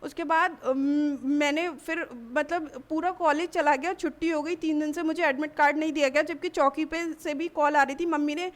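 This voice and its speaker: A young woman, a college student, gives a halting personal account in a news interview, often restarting her sentences. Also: high-pitched, fairly even intonation. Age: young adult. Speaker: college student giving testimony.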